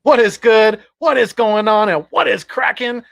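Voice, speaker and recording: A man from Northern California, a guest YouTuber chatting casually on a podcast over a video call, upbeat and chatty with halting fillers. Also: sits high, creaky, a bit bright, no room sound. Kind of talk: casual sports podcast chat.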